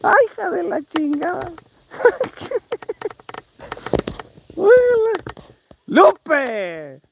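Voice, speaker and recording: A man's voice: extremely high pitch, lively intonation, moderate pace. A Mexican man live-streaming a vlog in casual chat, teasing and swearing freely. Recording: noisy live-stream audio.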